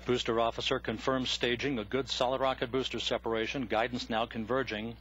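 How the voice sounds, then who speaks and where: A man giving measured mission control radio commentary on a spaceflight. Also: medium pitch, little pitch movement, slightly rough. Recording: dull lo-fi broadcast feed, loud background noise.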